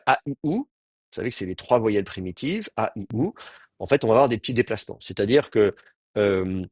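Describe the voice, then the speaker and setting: A man's voice: medium pitch, dry recording, clean studio sound. A man teaching a grammar class, explaining patiently and often restarting his sentences. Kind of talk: Hebrew grammar lecture.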